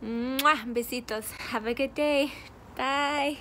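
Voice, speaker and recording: A woman's voice: high voice, steady tone, takes it slowly. A young woman vlogging in a chatty, upbeat way to her viewers, dropping in Spanish words, recorded at an airport and on a plane. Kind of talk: casual vlog talk to camera. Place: airport and airplane cabin. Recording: loud background noise.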